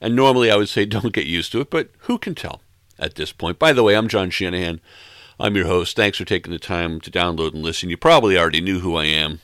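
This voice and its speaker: A middle-aged man hosting a music podcast, casually back-announcing tracks in a relaxed, wry, self-deprecating way. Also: low voice, quick pace, no room sound, clean studio sound. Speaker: podcast host.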